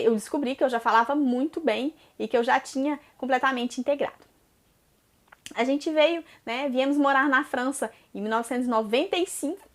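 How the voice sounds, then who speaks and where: A Brazilian vlogger in her thirties answers viewer questions in a chatty, personal video, speaking with a Brazilian Portuguese accent. Her voice is slightly high and a bit bright, and she sprinkles in lots of "né?" tags along with some hesitant restarts.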